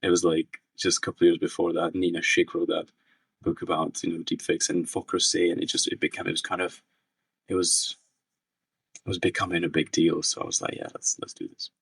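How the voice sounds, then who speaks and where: Low, husky young man, distant and dry. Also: level tone, fairly quick, fairly bright tone, dry recording. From Czech Republic. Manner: thoughtful, many restarts and fillers. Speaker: researcher guest. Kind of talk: casual interview answers.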